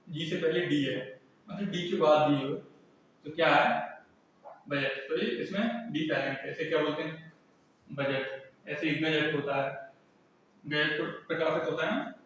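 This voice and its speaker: A man's voice: a little high, fairly bright tone, a little hiss or hum. A male teacher giving a classroom lesson who keeps asking and answering his own questions. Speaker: English teacher. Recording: echoey room, mic far off.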